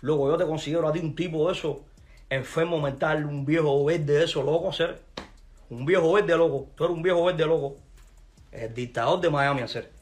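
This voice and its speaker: A man's voice: a little high, moderate pace. Cuban man in a heated rant. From Cuba. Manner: repetitive, heated, cursing, ranting. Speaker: musician. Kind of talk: angry rant to camera.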